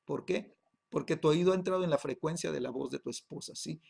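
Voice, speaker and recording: A man, a pastor, teaching a Bible class, peppering his talk with tag questions and halting repeats. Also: on the high side, gravelly, a little mellow, breathy edge.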